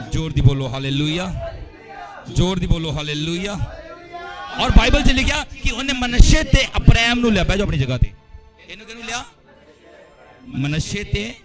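A male preacher giving a fervent, shouted sermon, often calling the congregation to shout hallelujah and asking them questions that he answers himself. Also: sits high. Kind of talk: shouted Pentecostal-style sermon. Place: church meeting hall.

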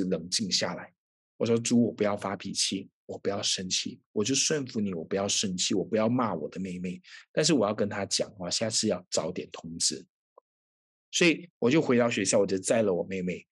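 A man preaching a sermon and telling a personal story, repeating his phrases and swinging between loud emphatic peaks and quiet low lines. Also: slightly rough, no room sound, clean studio sound.

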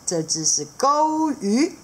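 Woman storyteller, lively swooping intonation, children's picture book reading, questions for kids. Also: high voice, takes it slowly. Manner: animated, asks children questions. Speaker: children's art teacher, storyteller.

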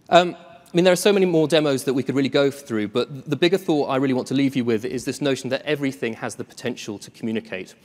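Man demoing on a conference stage. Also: medium pitch. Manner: relaxed, self-deprecating, frequent ums. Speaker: tech presenter. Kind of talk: live conference demo. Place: large conference hall. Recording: long reverb of a large hall.

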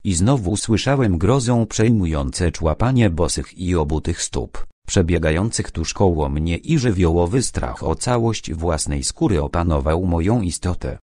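Male audiobook narrator, very low voice, measured dramatic delivery, dry close sound. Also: no echo. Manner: measured, dramatic storytelling with steady phrasing. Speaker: audiobook reader.

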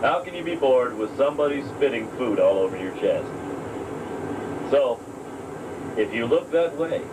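A young man giving a deadpan, mock-serious self-help lesson to a home video camera in a motel room. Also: medium pitch. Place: motel room while out of town. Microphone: camcorder mic from across the room. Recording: distant camcorder audio, air conditioner hum.

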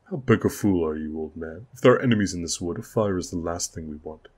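A man voicing an arrogant young male lord who gives commands in a loud, haughty way. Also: low-pitched, fairly even intonation, unhurried, breathy edge.

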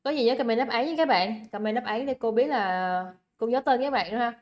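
Fairly high-pitched, fairly quick and a little mellow, this young woman teaches a livestream English exam review with a Vietnamese accent. She coaxes her students in a chatty way, repeats words, and checks they're keeping up.

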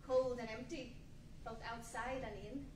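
A woman playing a young, earnest spirit of the past in a radio play, measured and solemn. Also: a little high, flat delivery, a little hiss or hum, close to an everyday voice. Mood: gently urging. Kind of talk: 1940s musical radio play acting. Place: large indoor meeting room, live stage reading. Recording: echoey room, distant mic.

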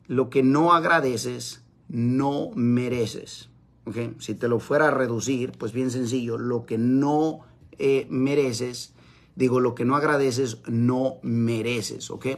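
A man's voice: mid-range voice, vocal fry, a bit bright, slightly rough. A man giving a live-streamed motivational talk, emphatic and repeating his key phrases. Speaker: motivational speaker. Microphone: camera mic on live stream.

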